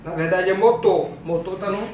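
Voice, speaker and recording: A man teaching a lesson, reading words out slowly and repeating each one. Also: high-pitched, a little hiss or hum. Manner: slow, deliberate, repeats each word. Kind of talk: classroom lesson, reading a word list. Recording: distant, muffled, echoey room.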